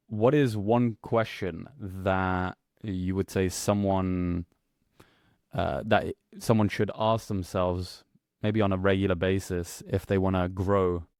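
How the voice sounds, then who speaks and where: A man hosts an interview podcast and asks questions in a calm, measured way. His voice is very low, slow and smooth. It is recorded close and dry. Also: dry recording. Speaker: podcast host.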